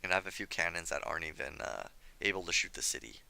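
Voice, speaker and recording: A slightly hoarse young man commenting on his strategy game as he plays, chatty and scolding himself for his mistakes. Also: deep voice, fast, pushed and bright. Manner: self-critical, chatty, thinking aloud. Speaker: gameplay commentator. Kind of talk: let's play commentary.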